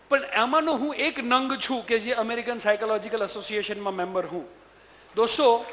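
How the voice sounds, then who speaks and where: A man with a very high voice addresses a roomful of students as a motivational trainer. His tone is bright and forceful, and he keeps pressing the audience for a yes or no. The sound carries a long reverb from the hall. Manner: rhetorical, keeps asking the audience to agree.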